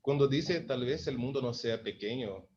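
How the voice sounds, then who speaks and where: A man's voice: medium pitch, normal speed, a little mellow. Man explaining song lyrics, lo-fi. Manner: explains line by line, checking in with "¿sí?". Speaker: Spanish-language teacher analysing song lyrics. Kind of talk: explanatory lesson, reading lyrics aloud. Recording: dull lo-fi sound with faint noise.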